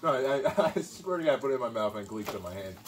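A man's voice: medium pitch, animated, fast, far from the mic. A young man chats casually through a mouthful of food, talking while eating as he tastes and trades blunt jokes. He sits some way off from the microphone, with a faint hiss of background noise. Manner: blunt, joking banter. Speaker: taste tester. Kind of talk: casual chat.

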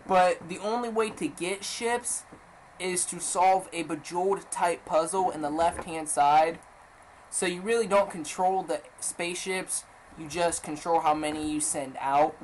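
A woman's voice: fairly low pitch, a little slow, a little mellow, a little hiss or hum, rough recording. A woman hosting a casual game review show, offhandedly listing scores category by category. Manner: plain, offhand, listing scores in a set pattern. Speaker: game reviewer, channel host.

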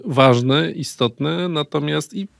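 A man in his thirties co-hosting a political podcast, speaking measured and hesitant, often pausing with fillers, on a studio desk mic. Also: fairly high pitch, creaky, dry recording. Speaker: political commentator co-host. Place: small dark padded studio. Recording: dry close studio sound.

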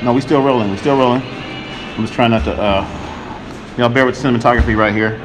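A man's voice: medium pitch, fairly even intonation, a little fast, over music. A man in his forties giving a loose, chatty walkthrough of his streaming gear, repeating himself as he explains, recorded on a camera mic in a coffee shop at night. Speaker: vlogger showing his streaming setup. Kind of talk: casual walkthrough vlog. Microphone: camera-mounted mic, handheld then on tripod. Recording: noisy coffee shop ambience.

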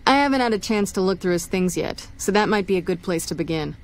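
A woman's voice: lowish voice, animated, fast. An actress playing a no-nonsense female military police officer in a video game, wry and matter-of-fact.

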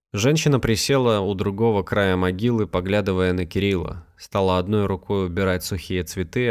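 A man narrating a scripted story in an even, measured reading. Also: sits low.

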